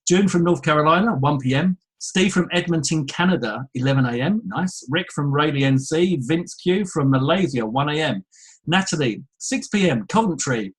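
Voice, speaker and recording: An English man hosts a live online webinar, greeting attendees one by one with chatty asides. His voice sits a touch high and has a slightly husky edge. He speaks casually into a headset mic. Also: expressive, rough recording. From England. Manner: chatty, reads out attendee names with quick asides. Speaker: webinar host. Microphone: headphones with mic.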